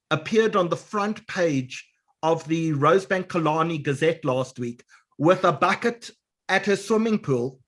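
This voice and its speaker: A man hosting a casual panel chat, jovial and teasing, telling stories. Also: fairly high pitch. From South Africa. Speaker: host.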